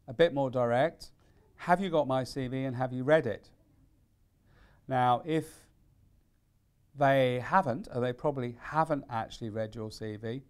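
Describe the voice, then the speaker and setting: A careers consultant gives practical tips in an instructional way, his medium-pitched voice carrying a darkish tone. He phrases things deliberately and stresses key words.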